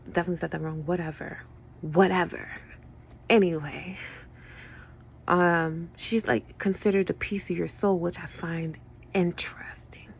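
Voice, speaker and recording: A woman's voice: fairly low pitch, steady tone, measured pace, vocal fry, slight background noise. A woman in a casual spoken monologue, sarcastic and profane, rambling through tangents and correcting herself mid-sentence. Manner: frequent self-corrections and tangents.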